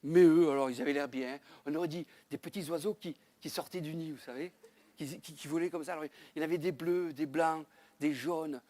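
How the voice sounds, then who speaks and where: A man's voice: on the high side, fairly even intonation, brisk, dark tone. A male comedian telling a rambling comic story on a small theater stage, chatty, with frequent asides and crude exclamations. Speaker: stand-up comedian.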